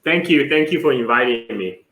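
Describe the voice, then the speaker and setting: Mid-pitched male guest in his forties from China, reflective and chatty; roomy, echoing recording. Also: lively intonation, normal speed, fairly bright tone. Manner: thoughtful, conversational. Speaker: podcast guest. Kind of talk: casual interview. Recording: echoey room.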